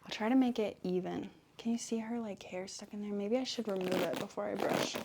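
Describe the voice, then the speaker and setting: A woman's voice: medium pitch, steady tone, a little fast, heavy background noise. A woman chatting casually for ASMR while brushing a cat, rambling playfully and slipping into affectionate talk to her pet. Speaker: vlogger making ASMR videos. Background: cat purring.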